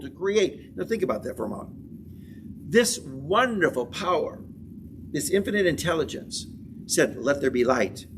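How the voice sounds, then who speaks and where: A man leads a spiritual lesson in a fairly high voice, moving through slow, measured lines and repeated affirmations. He sits a little away from the microphone, with a faint hum of room noise behind him. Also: recorded from a distance. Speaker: spiritual teacher. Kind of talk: spiritual class lecture.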